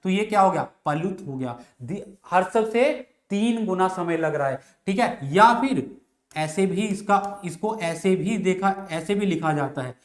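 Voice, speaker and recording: A man's voice: sits high, animated, a little slow, echoey room. A man teaching a class, who asks and answers his own questions, repeats each point, and draws out vowel sounds to show them. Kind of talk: classroom lecture.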